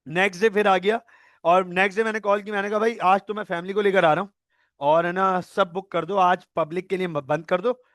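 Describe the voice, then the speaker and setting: A man's voice: high voice, a bit bright, no echo, clean studio sound. A male accounting tutor giving an online lecture, playfully acting out scenarios and mixing in English terms.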